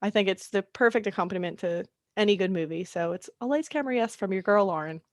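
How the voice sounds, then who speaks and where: A woman's voice: medium pitch, fast talker, no echo, studio quality. A young woman co-hosting a podcast in casual chat, rambling and giggly. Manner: chatty, giggly, rambling asides. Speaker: podcast co-host.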